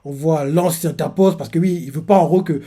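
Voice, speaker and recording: A man's voice: fairly high pitch, a little fast, warm tone, breathy edge. A man recapping a manga chapter live, panel by panel, with frequent hesitations. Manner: hesitant, full of "euh", narrating panel by panel. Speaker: manga reaction youtuber.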